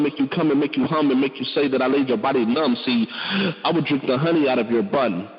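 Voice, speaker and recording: A man's voice: fairly high pitch, lightly acted. A man playing a cocky rhyming seducer. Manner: rhyming spoken-word delivery, crude and cocky. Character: boastful smooth-talking male seducer persona. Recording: muffled with long reverb.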